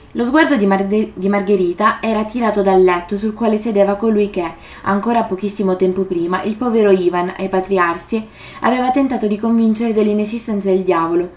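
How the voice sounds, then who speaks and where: A book vlogger with a mid-range, darkish voice reads passages from a novel aloud indoors and comments on them casually. She hesitates and corrects herself, and the room gives the recording a noticeable echo.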